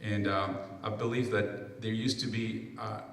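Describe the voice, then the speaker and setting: A man's voice: fairly low pitch, steady tone, a little slow, a little hiss or hum. A man from Peru, a council candidate, giving earnest answers at a public forum and often restarting phrases. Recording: echoey hall, mic far off.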